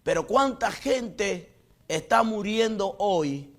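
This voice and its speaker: Male pastor, middle-aged, high-pitched; dramatic sermon delivery with a testimony, loud peaks and quiet drops. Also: expressive, slow. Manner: dramatic preaching, swinging between loud exclamations and hushed lows; storytelling with personal testimony. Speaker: pastor and missionary.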